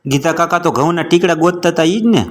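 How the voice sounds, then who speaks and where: A man plays the listener in a comedy sketch. He asks short, puzzled questions in a slightly high voice. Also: fast talker, a little hiss or hum.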